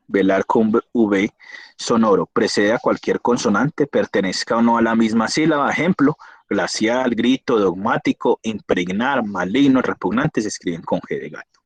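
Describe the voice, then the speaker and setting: A man teaching an online class, reading spelling rules and slowly spelling out example words. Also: fairly low pitch, husky, no room sound.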